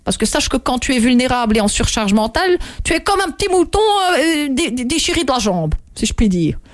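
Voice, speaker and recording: A woman's voice: high-pitched, brisk, no room sound, studio quality. A woman hosting a show and giving casual, joking advice, who often repeats herself and breaks off mid-sentence. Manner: animated, jokey, self-interrupting, repeats herself. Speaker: host. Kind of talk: casual motivational talk.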